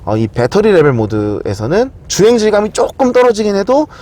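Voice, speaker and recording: A man's voice: sits high, huge pitch swings, brisk, warm tone. A man presenting a casual explanatory walkthrough, often asking questions and answering them himself. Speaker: car video presenter.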